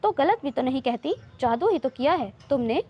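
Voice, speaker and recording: A woman's voice: high voice, expressive, normal speed, dull audio. A woman reading a romance novel aloud, voicing a playful, insistent young man who courts his cousin. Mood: teasing, tender. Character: teasing, loving young man, cousin and suitor.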